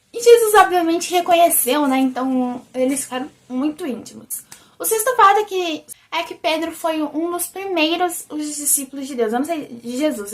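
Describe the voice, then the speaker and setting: High, childlike Brazilian young woman. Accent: Brazilian Portuguese. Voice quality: childlike, squeaky voice. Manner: animated and chatty, often calls the viewers "gente". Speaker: vlogger. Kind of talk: casual religious video chat.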